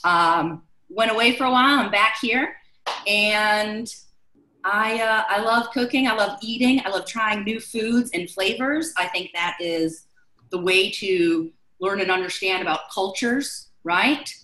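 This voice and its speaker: A woman's voice: medium pitch, a little slow, bright, forceful tone, roomy sound, poor audio. A woman chef instructor from Chicago leading a live online class, chatty and loose with many fillers.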